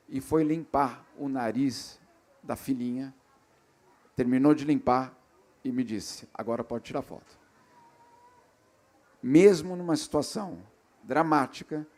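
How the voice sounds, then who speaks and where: A man with a Brazilian accent moderating a festival panel, telling a story reflectively with pauses and restarts. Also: mid-range voice, a little mellow. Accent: Brazilian Portuguese. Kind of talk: storytelling in a live panel talk. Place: stage at a literary festival.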